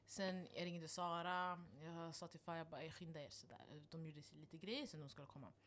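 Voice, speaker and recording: A woman's voice: sits low, fairly even intonation, a bit bright, slight background noise. A young woman co-hosting a casual chat podcast, telling stories animatedly and mixing slang and English words, sitting a little back from the mic. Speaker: podcast co-host. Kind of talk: casual chat among friends. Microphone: sitting a meter back from the mic.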